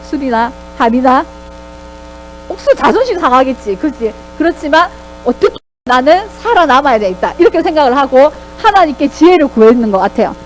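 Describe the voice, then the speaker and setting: High-voiced woman preaching to children. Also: a little fast, a little hiss or hum, poor audio. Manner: animated, keeps asking the children questions. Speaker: Sunday school teacher. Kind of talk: children's sermon.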